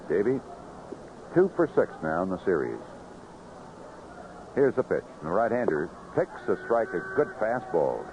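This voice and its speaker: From a ballpark broadcast booth, an American man calls baseball play-by-play live on the radio in clipped, animated phrases, his mid-range voice rising sharply on big plays. The vintage AM broadcast sounds noisy and muffled.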